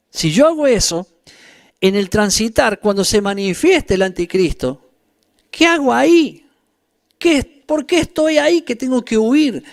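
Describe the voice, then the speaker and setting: Guy teaching bible class, high voice, gravelly, keeps firing questions at you. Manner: emphatic, direct questions to listeners.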